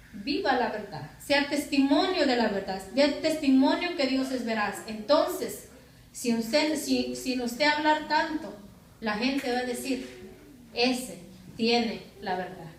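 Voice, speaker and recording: Woman pastor, high voice, preaching, recorded from afar in an echoey church. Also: distant mic, slight background noise. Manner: preaching with rhetorical questions to the congregation. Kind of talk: sermon. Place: church hall.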